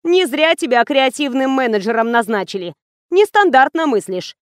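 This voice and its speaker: Woman doing a snappy, high-pitched coworker. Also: animated, normal speed, no echo, clean studio sound. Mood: snappish. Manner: snappy, scolding. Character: brash, irritable young woman office worker.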